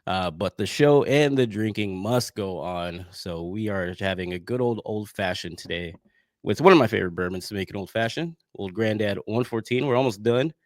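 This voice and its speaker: A man co-hosting a soccer podcast in casual chat, sounding stuffy and congested from allergies, tired and low-key. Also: moderate pace, no echo, clean studio sound. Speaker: podcast co-host.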